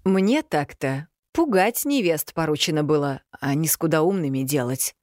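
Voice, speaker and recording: A woman voicing an unseen male spirit in a dark corridor, speaking slowly and grumbling in a plain manner. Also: deep voice, animated, dry recording, studio quality.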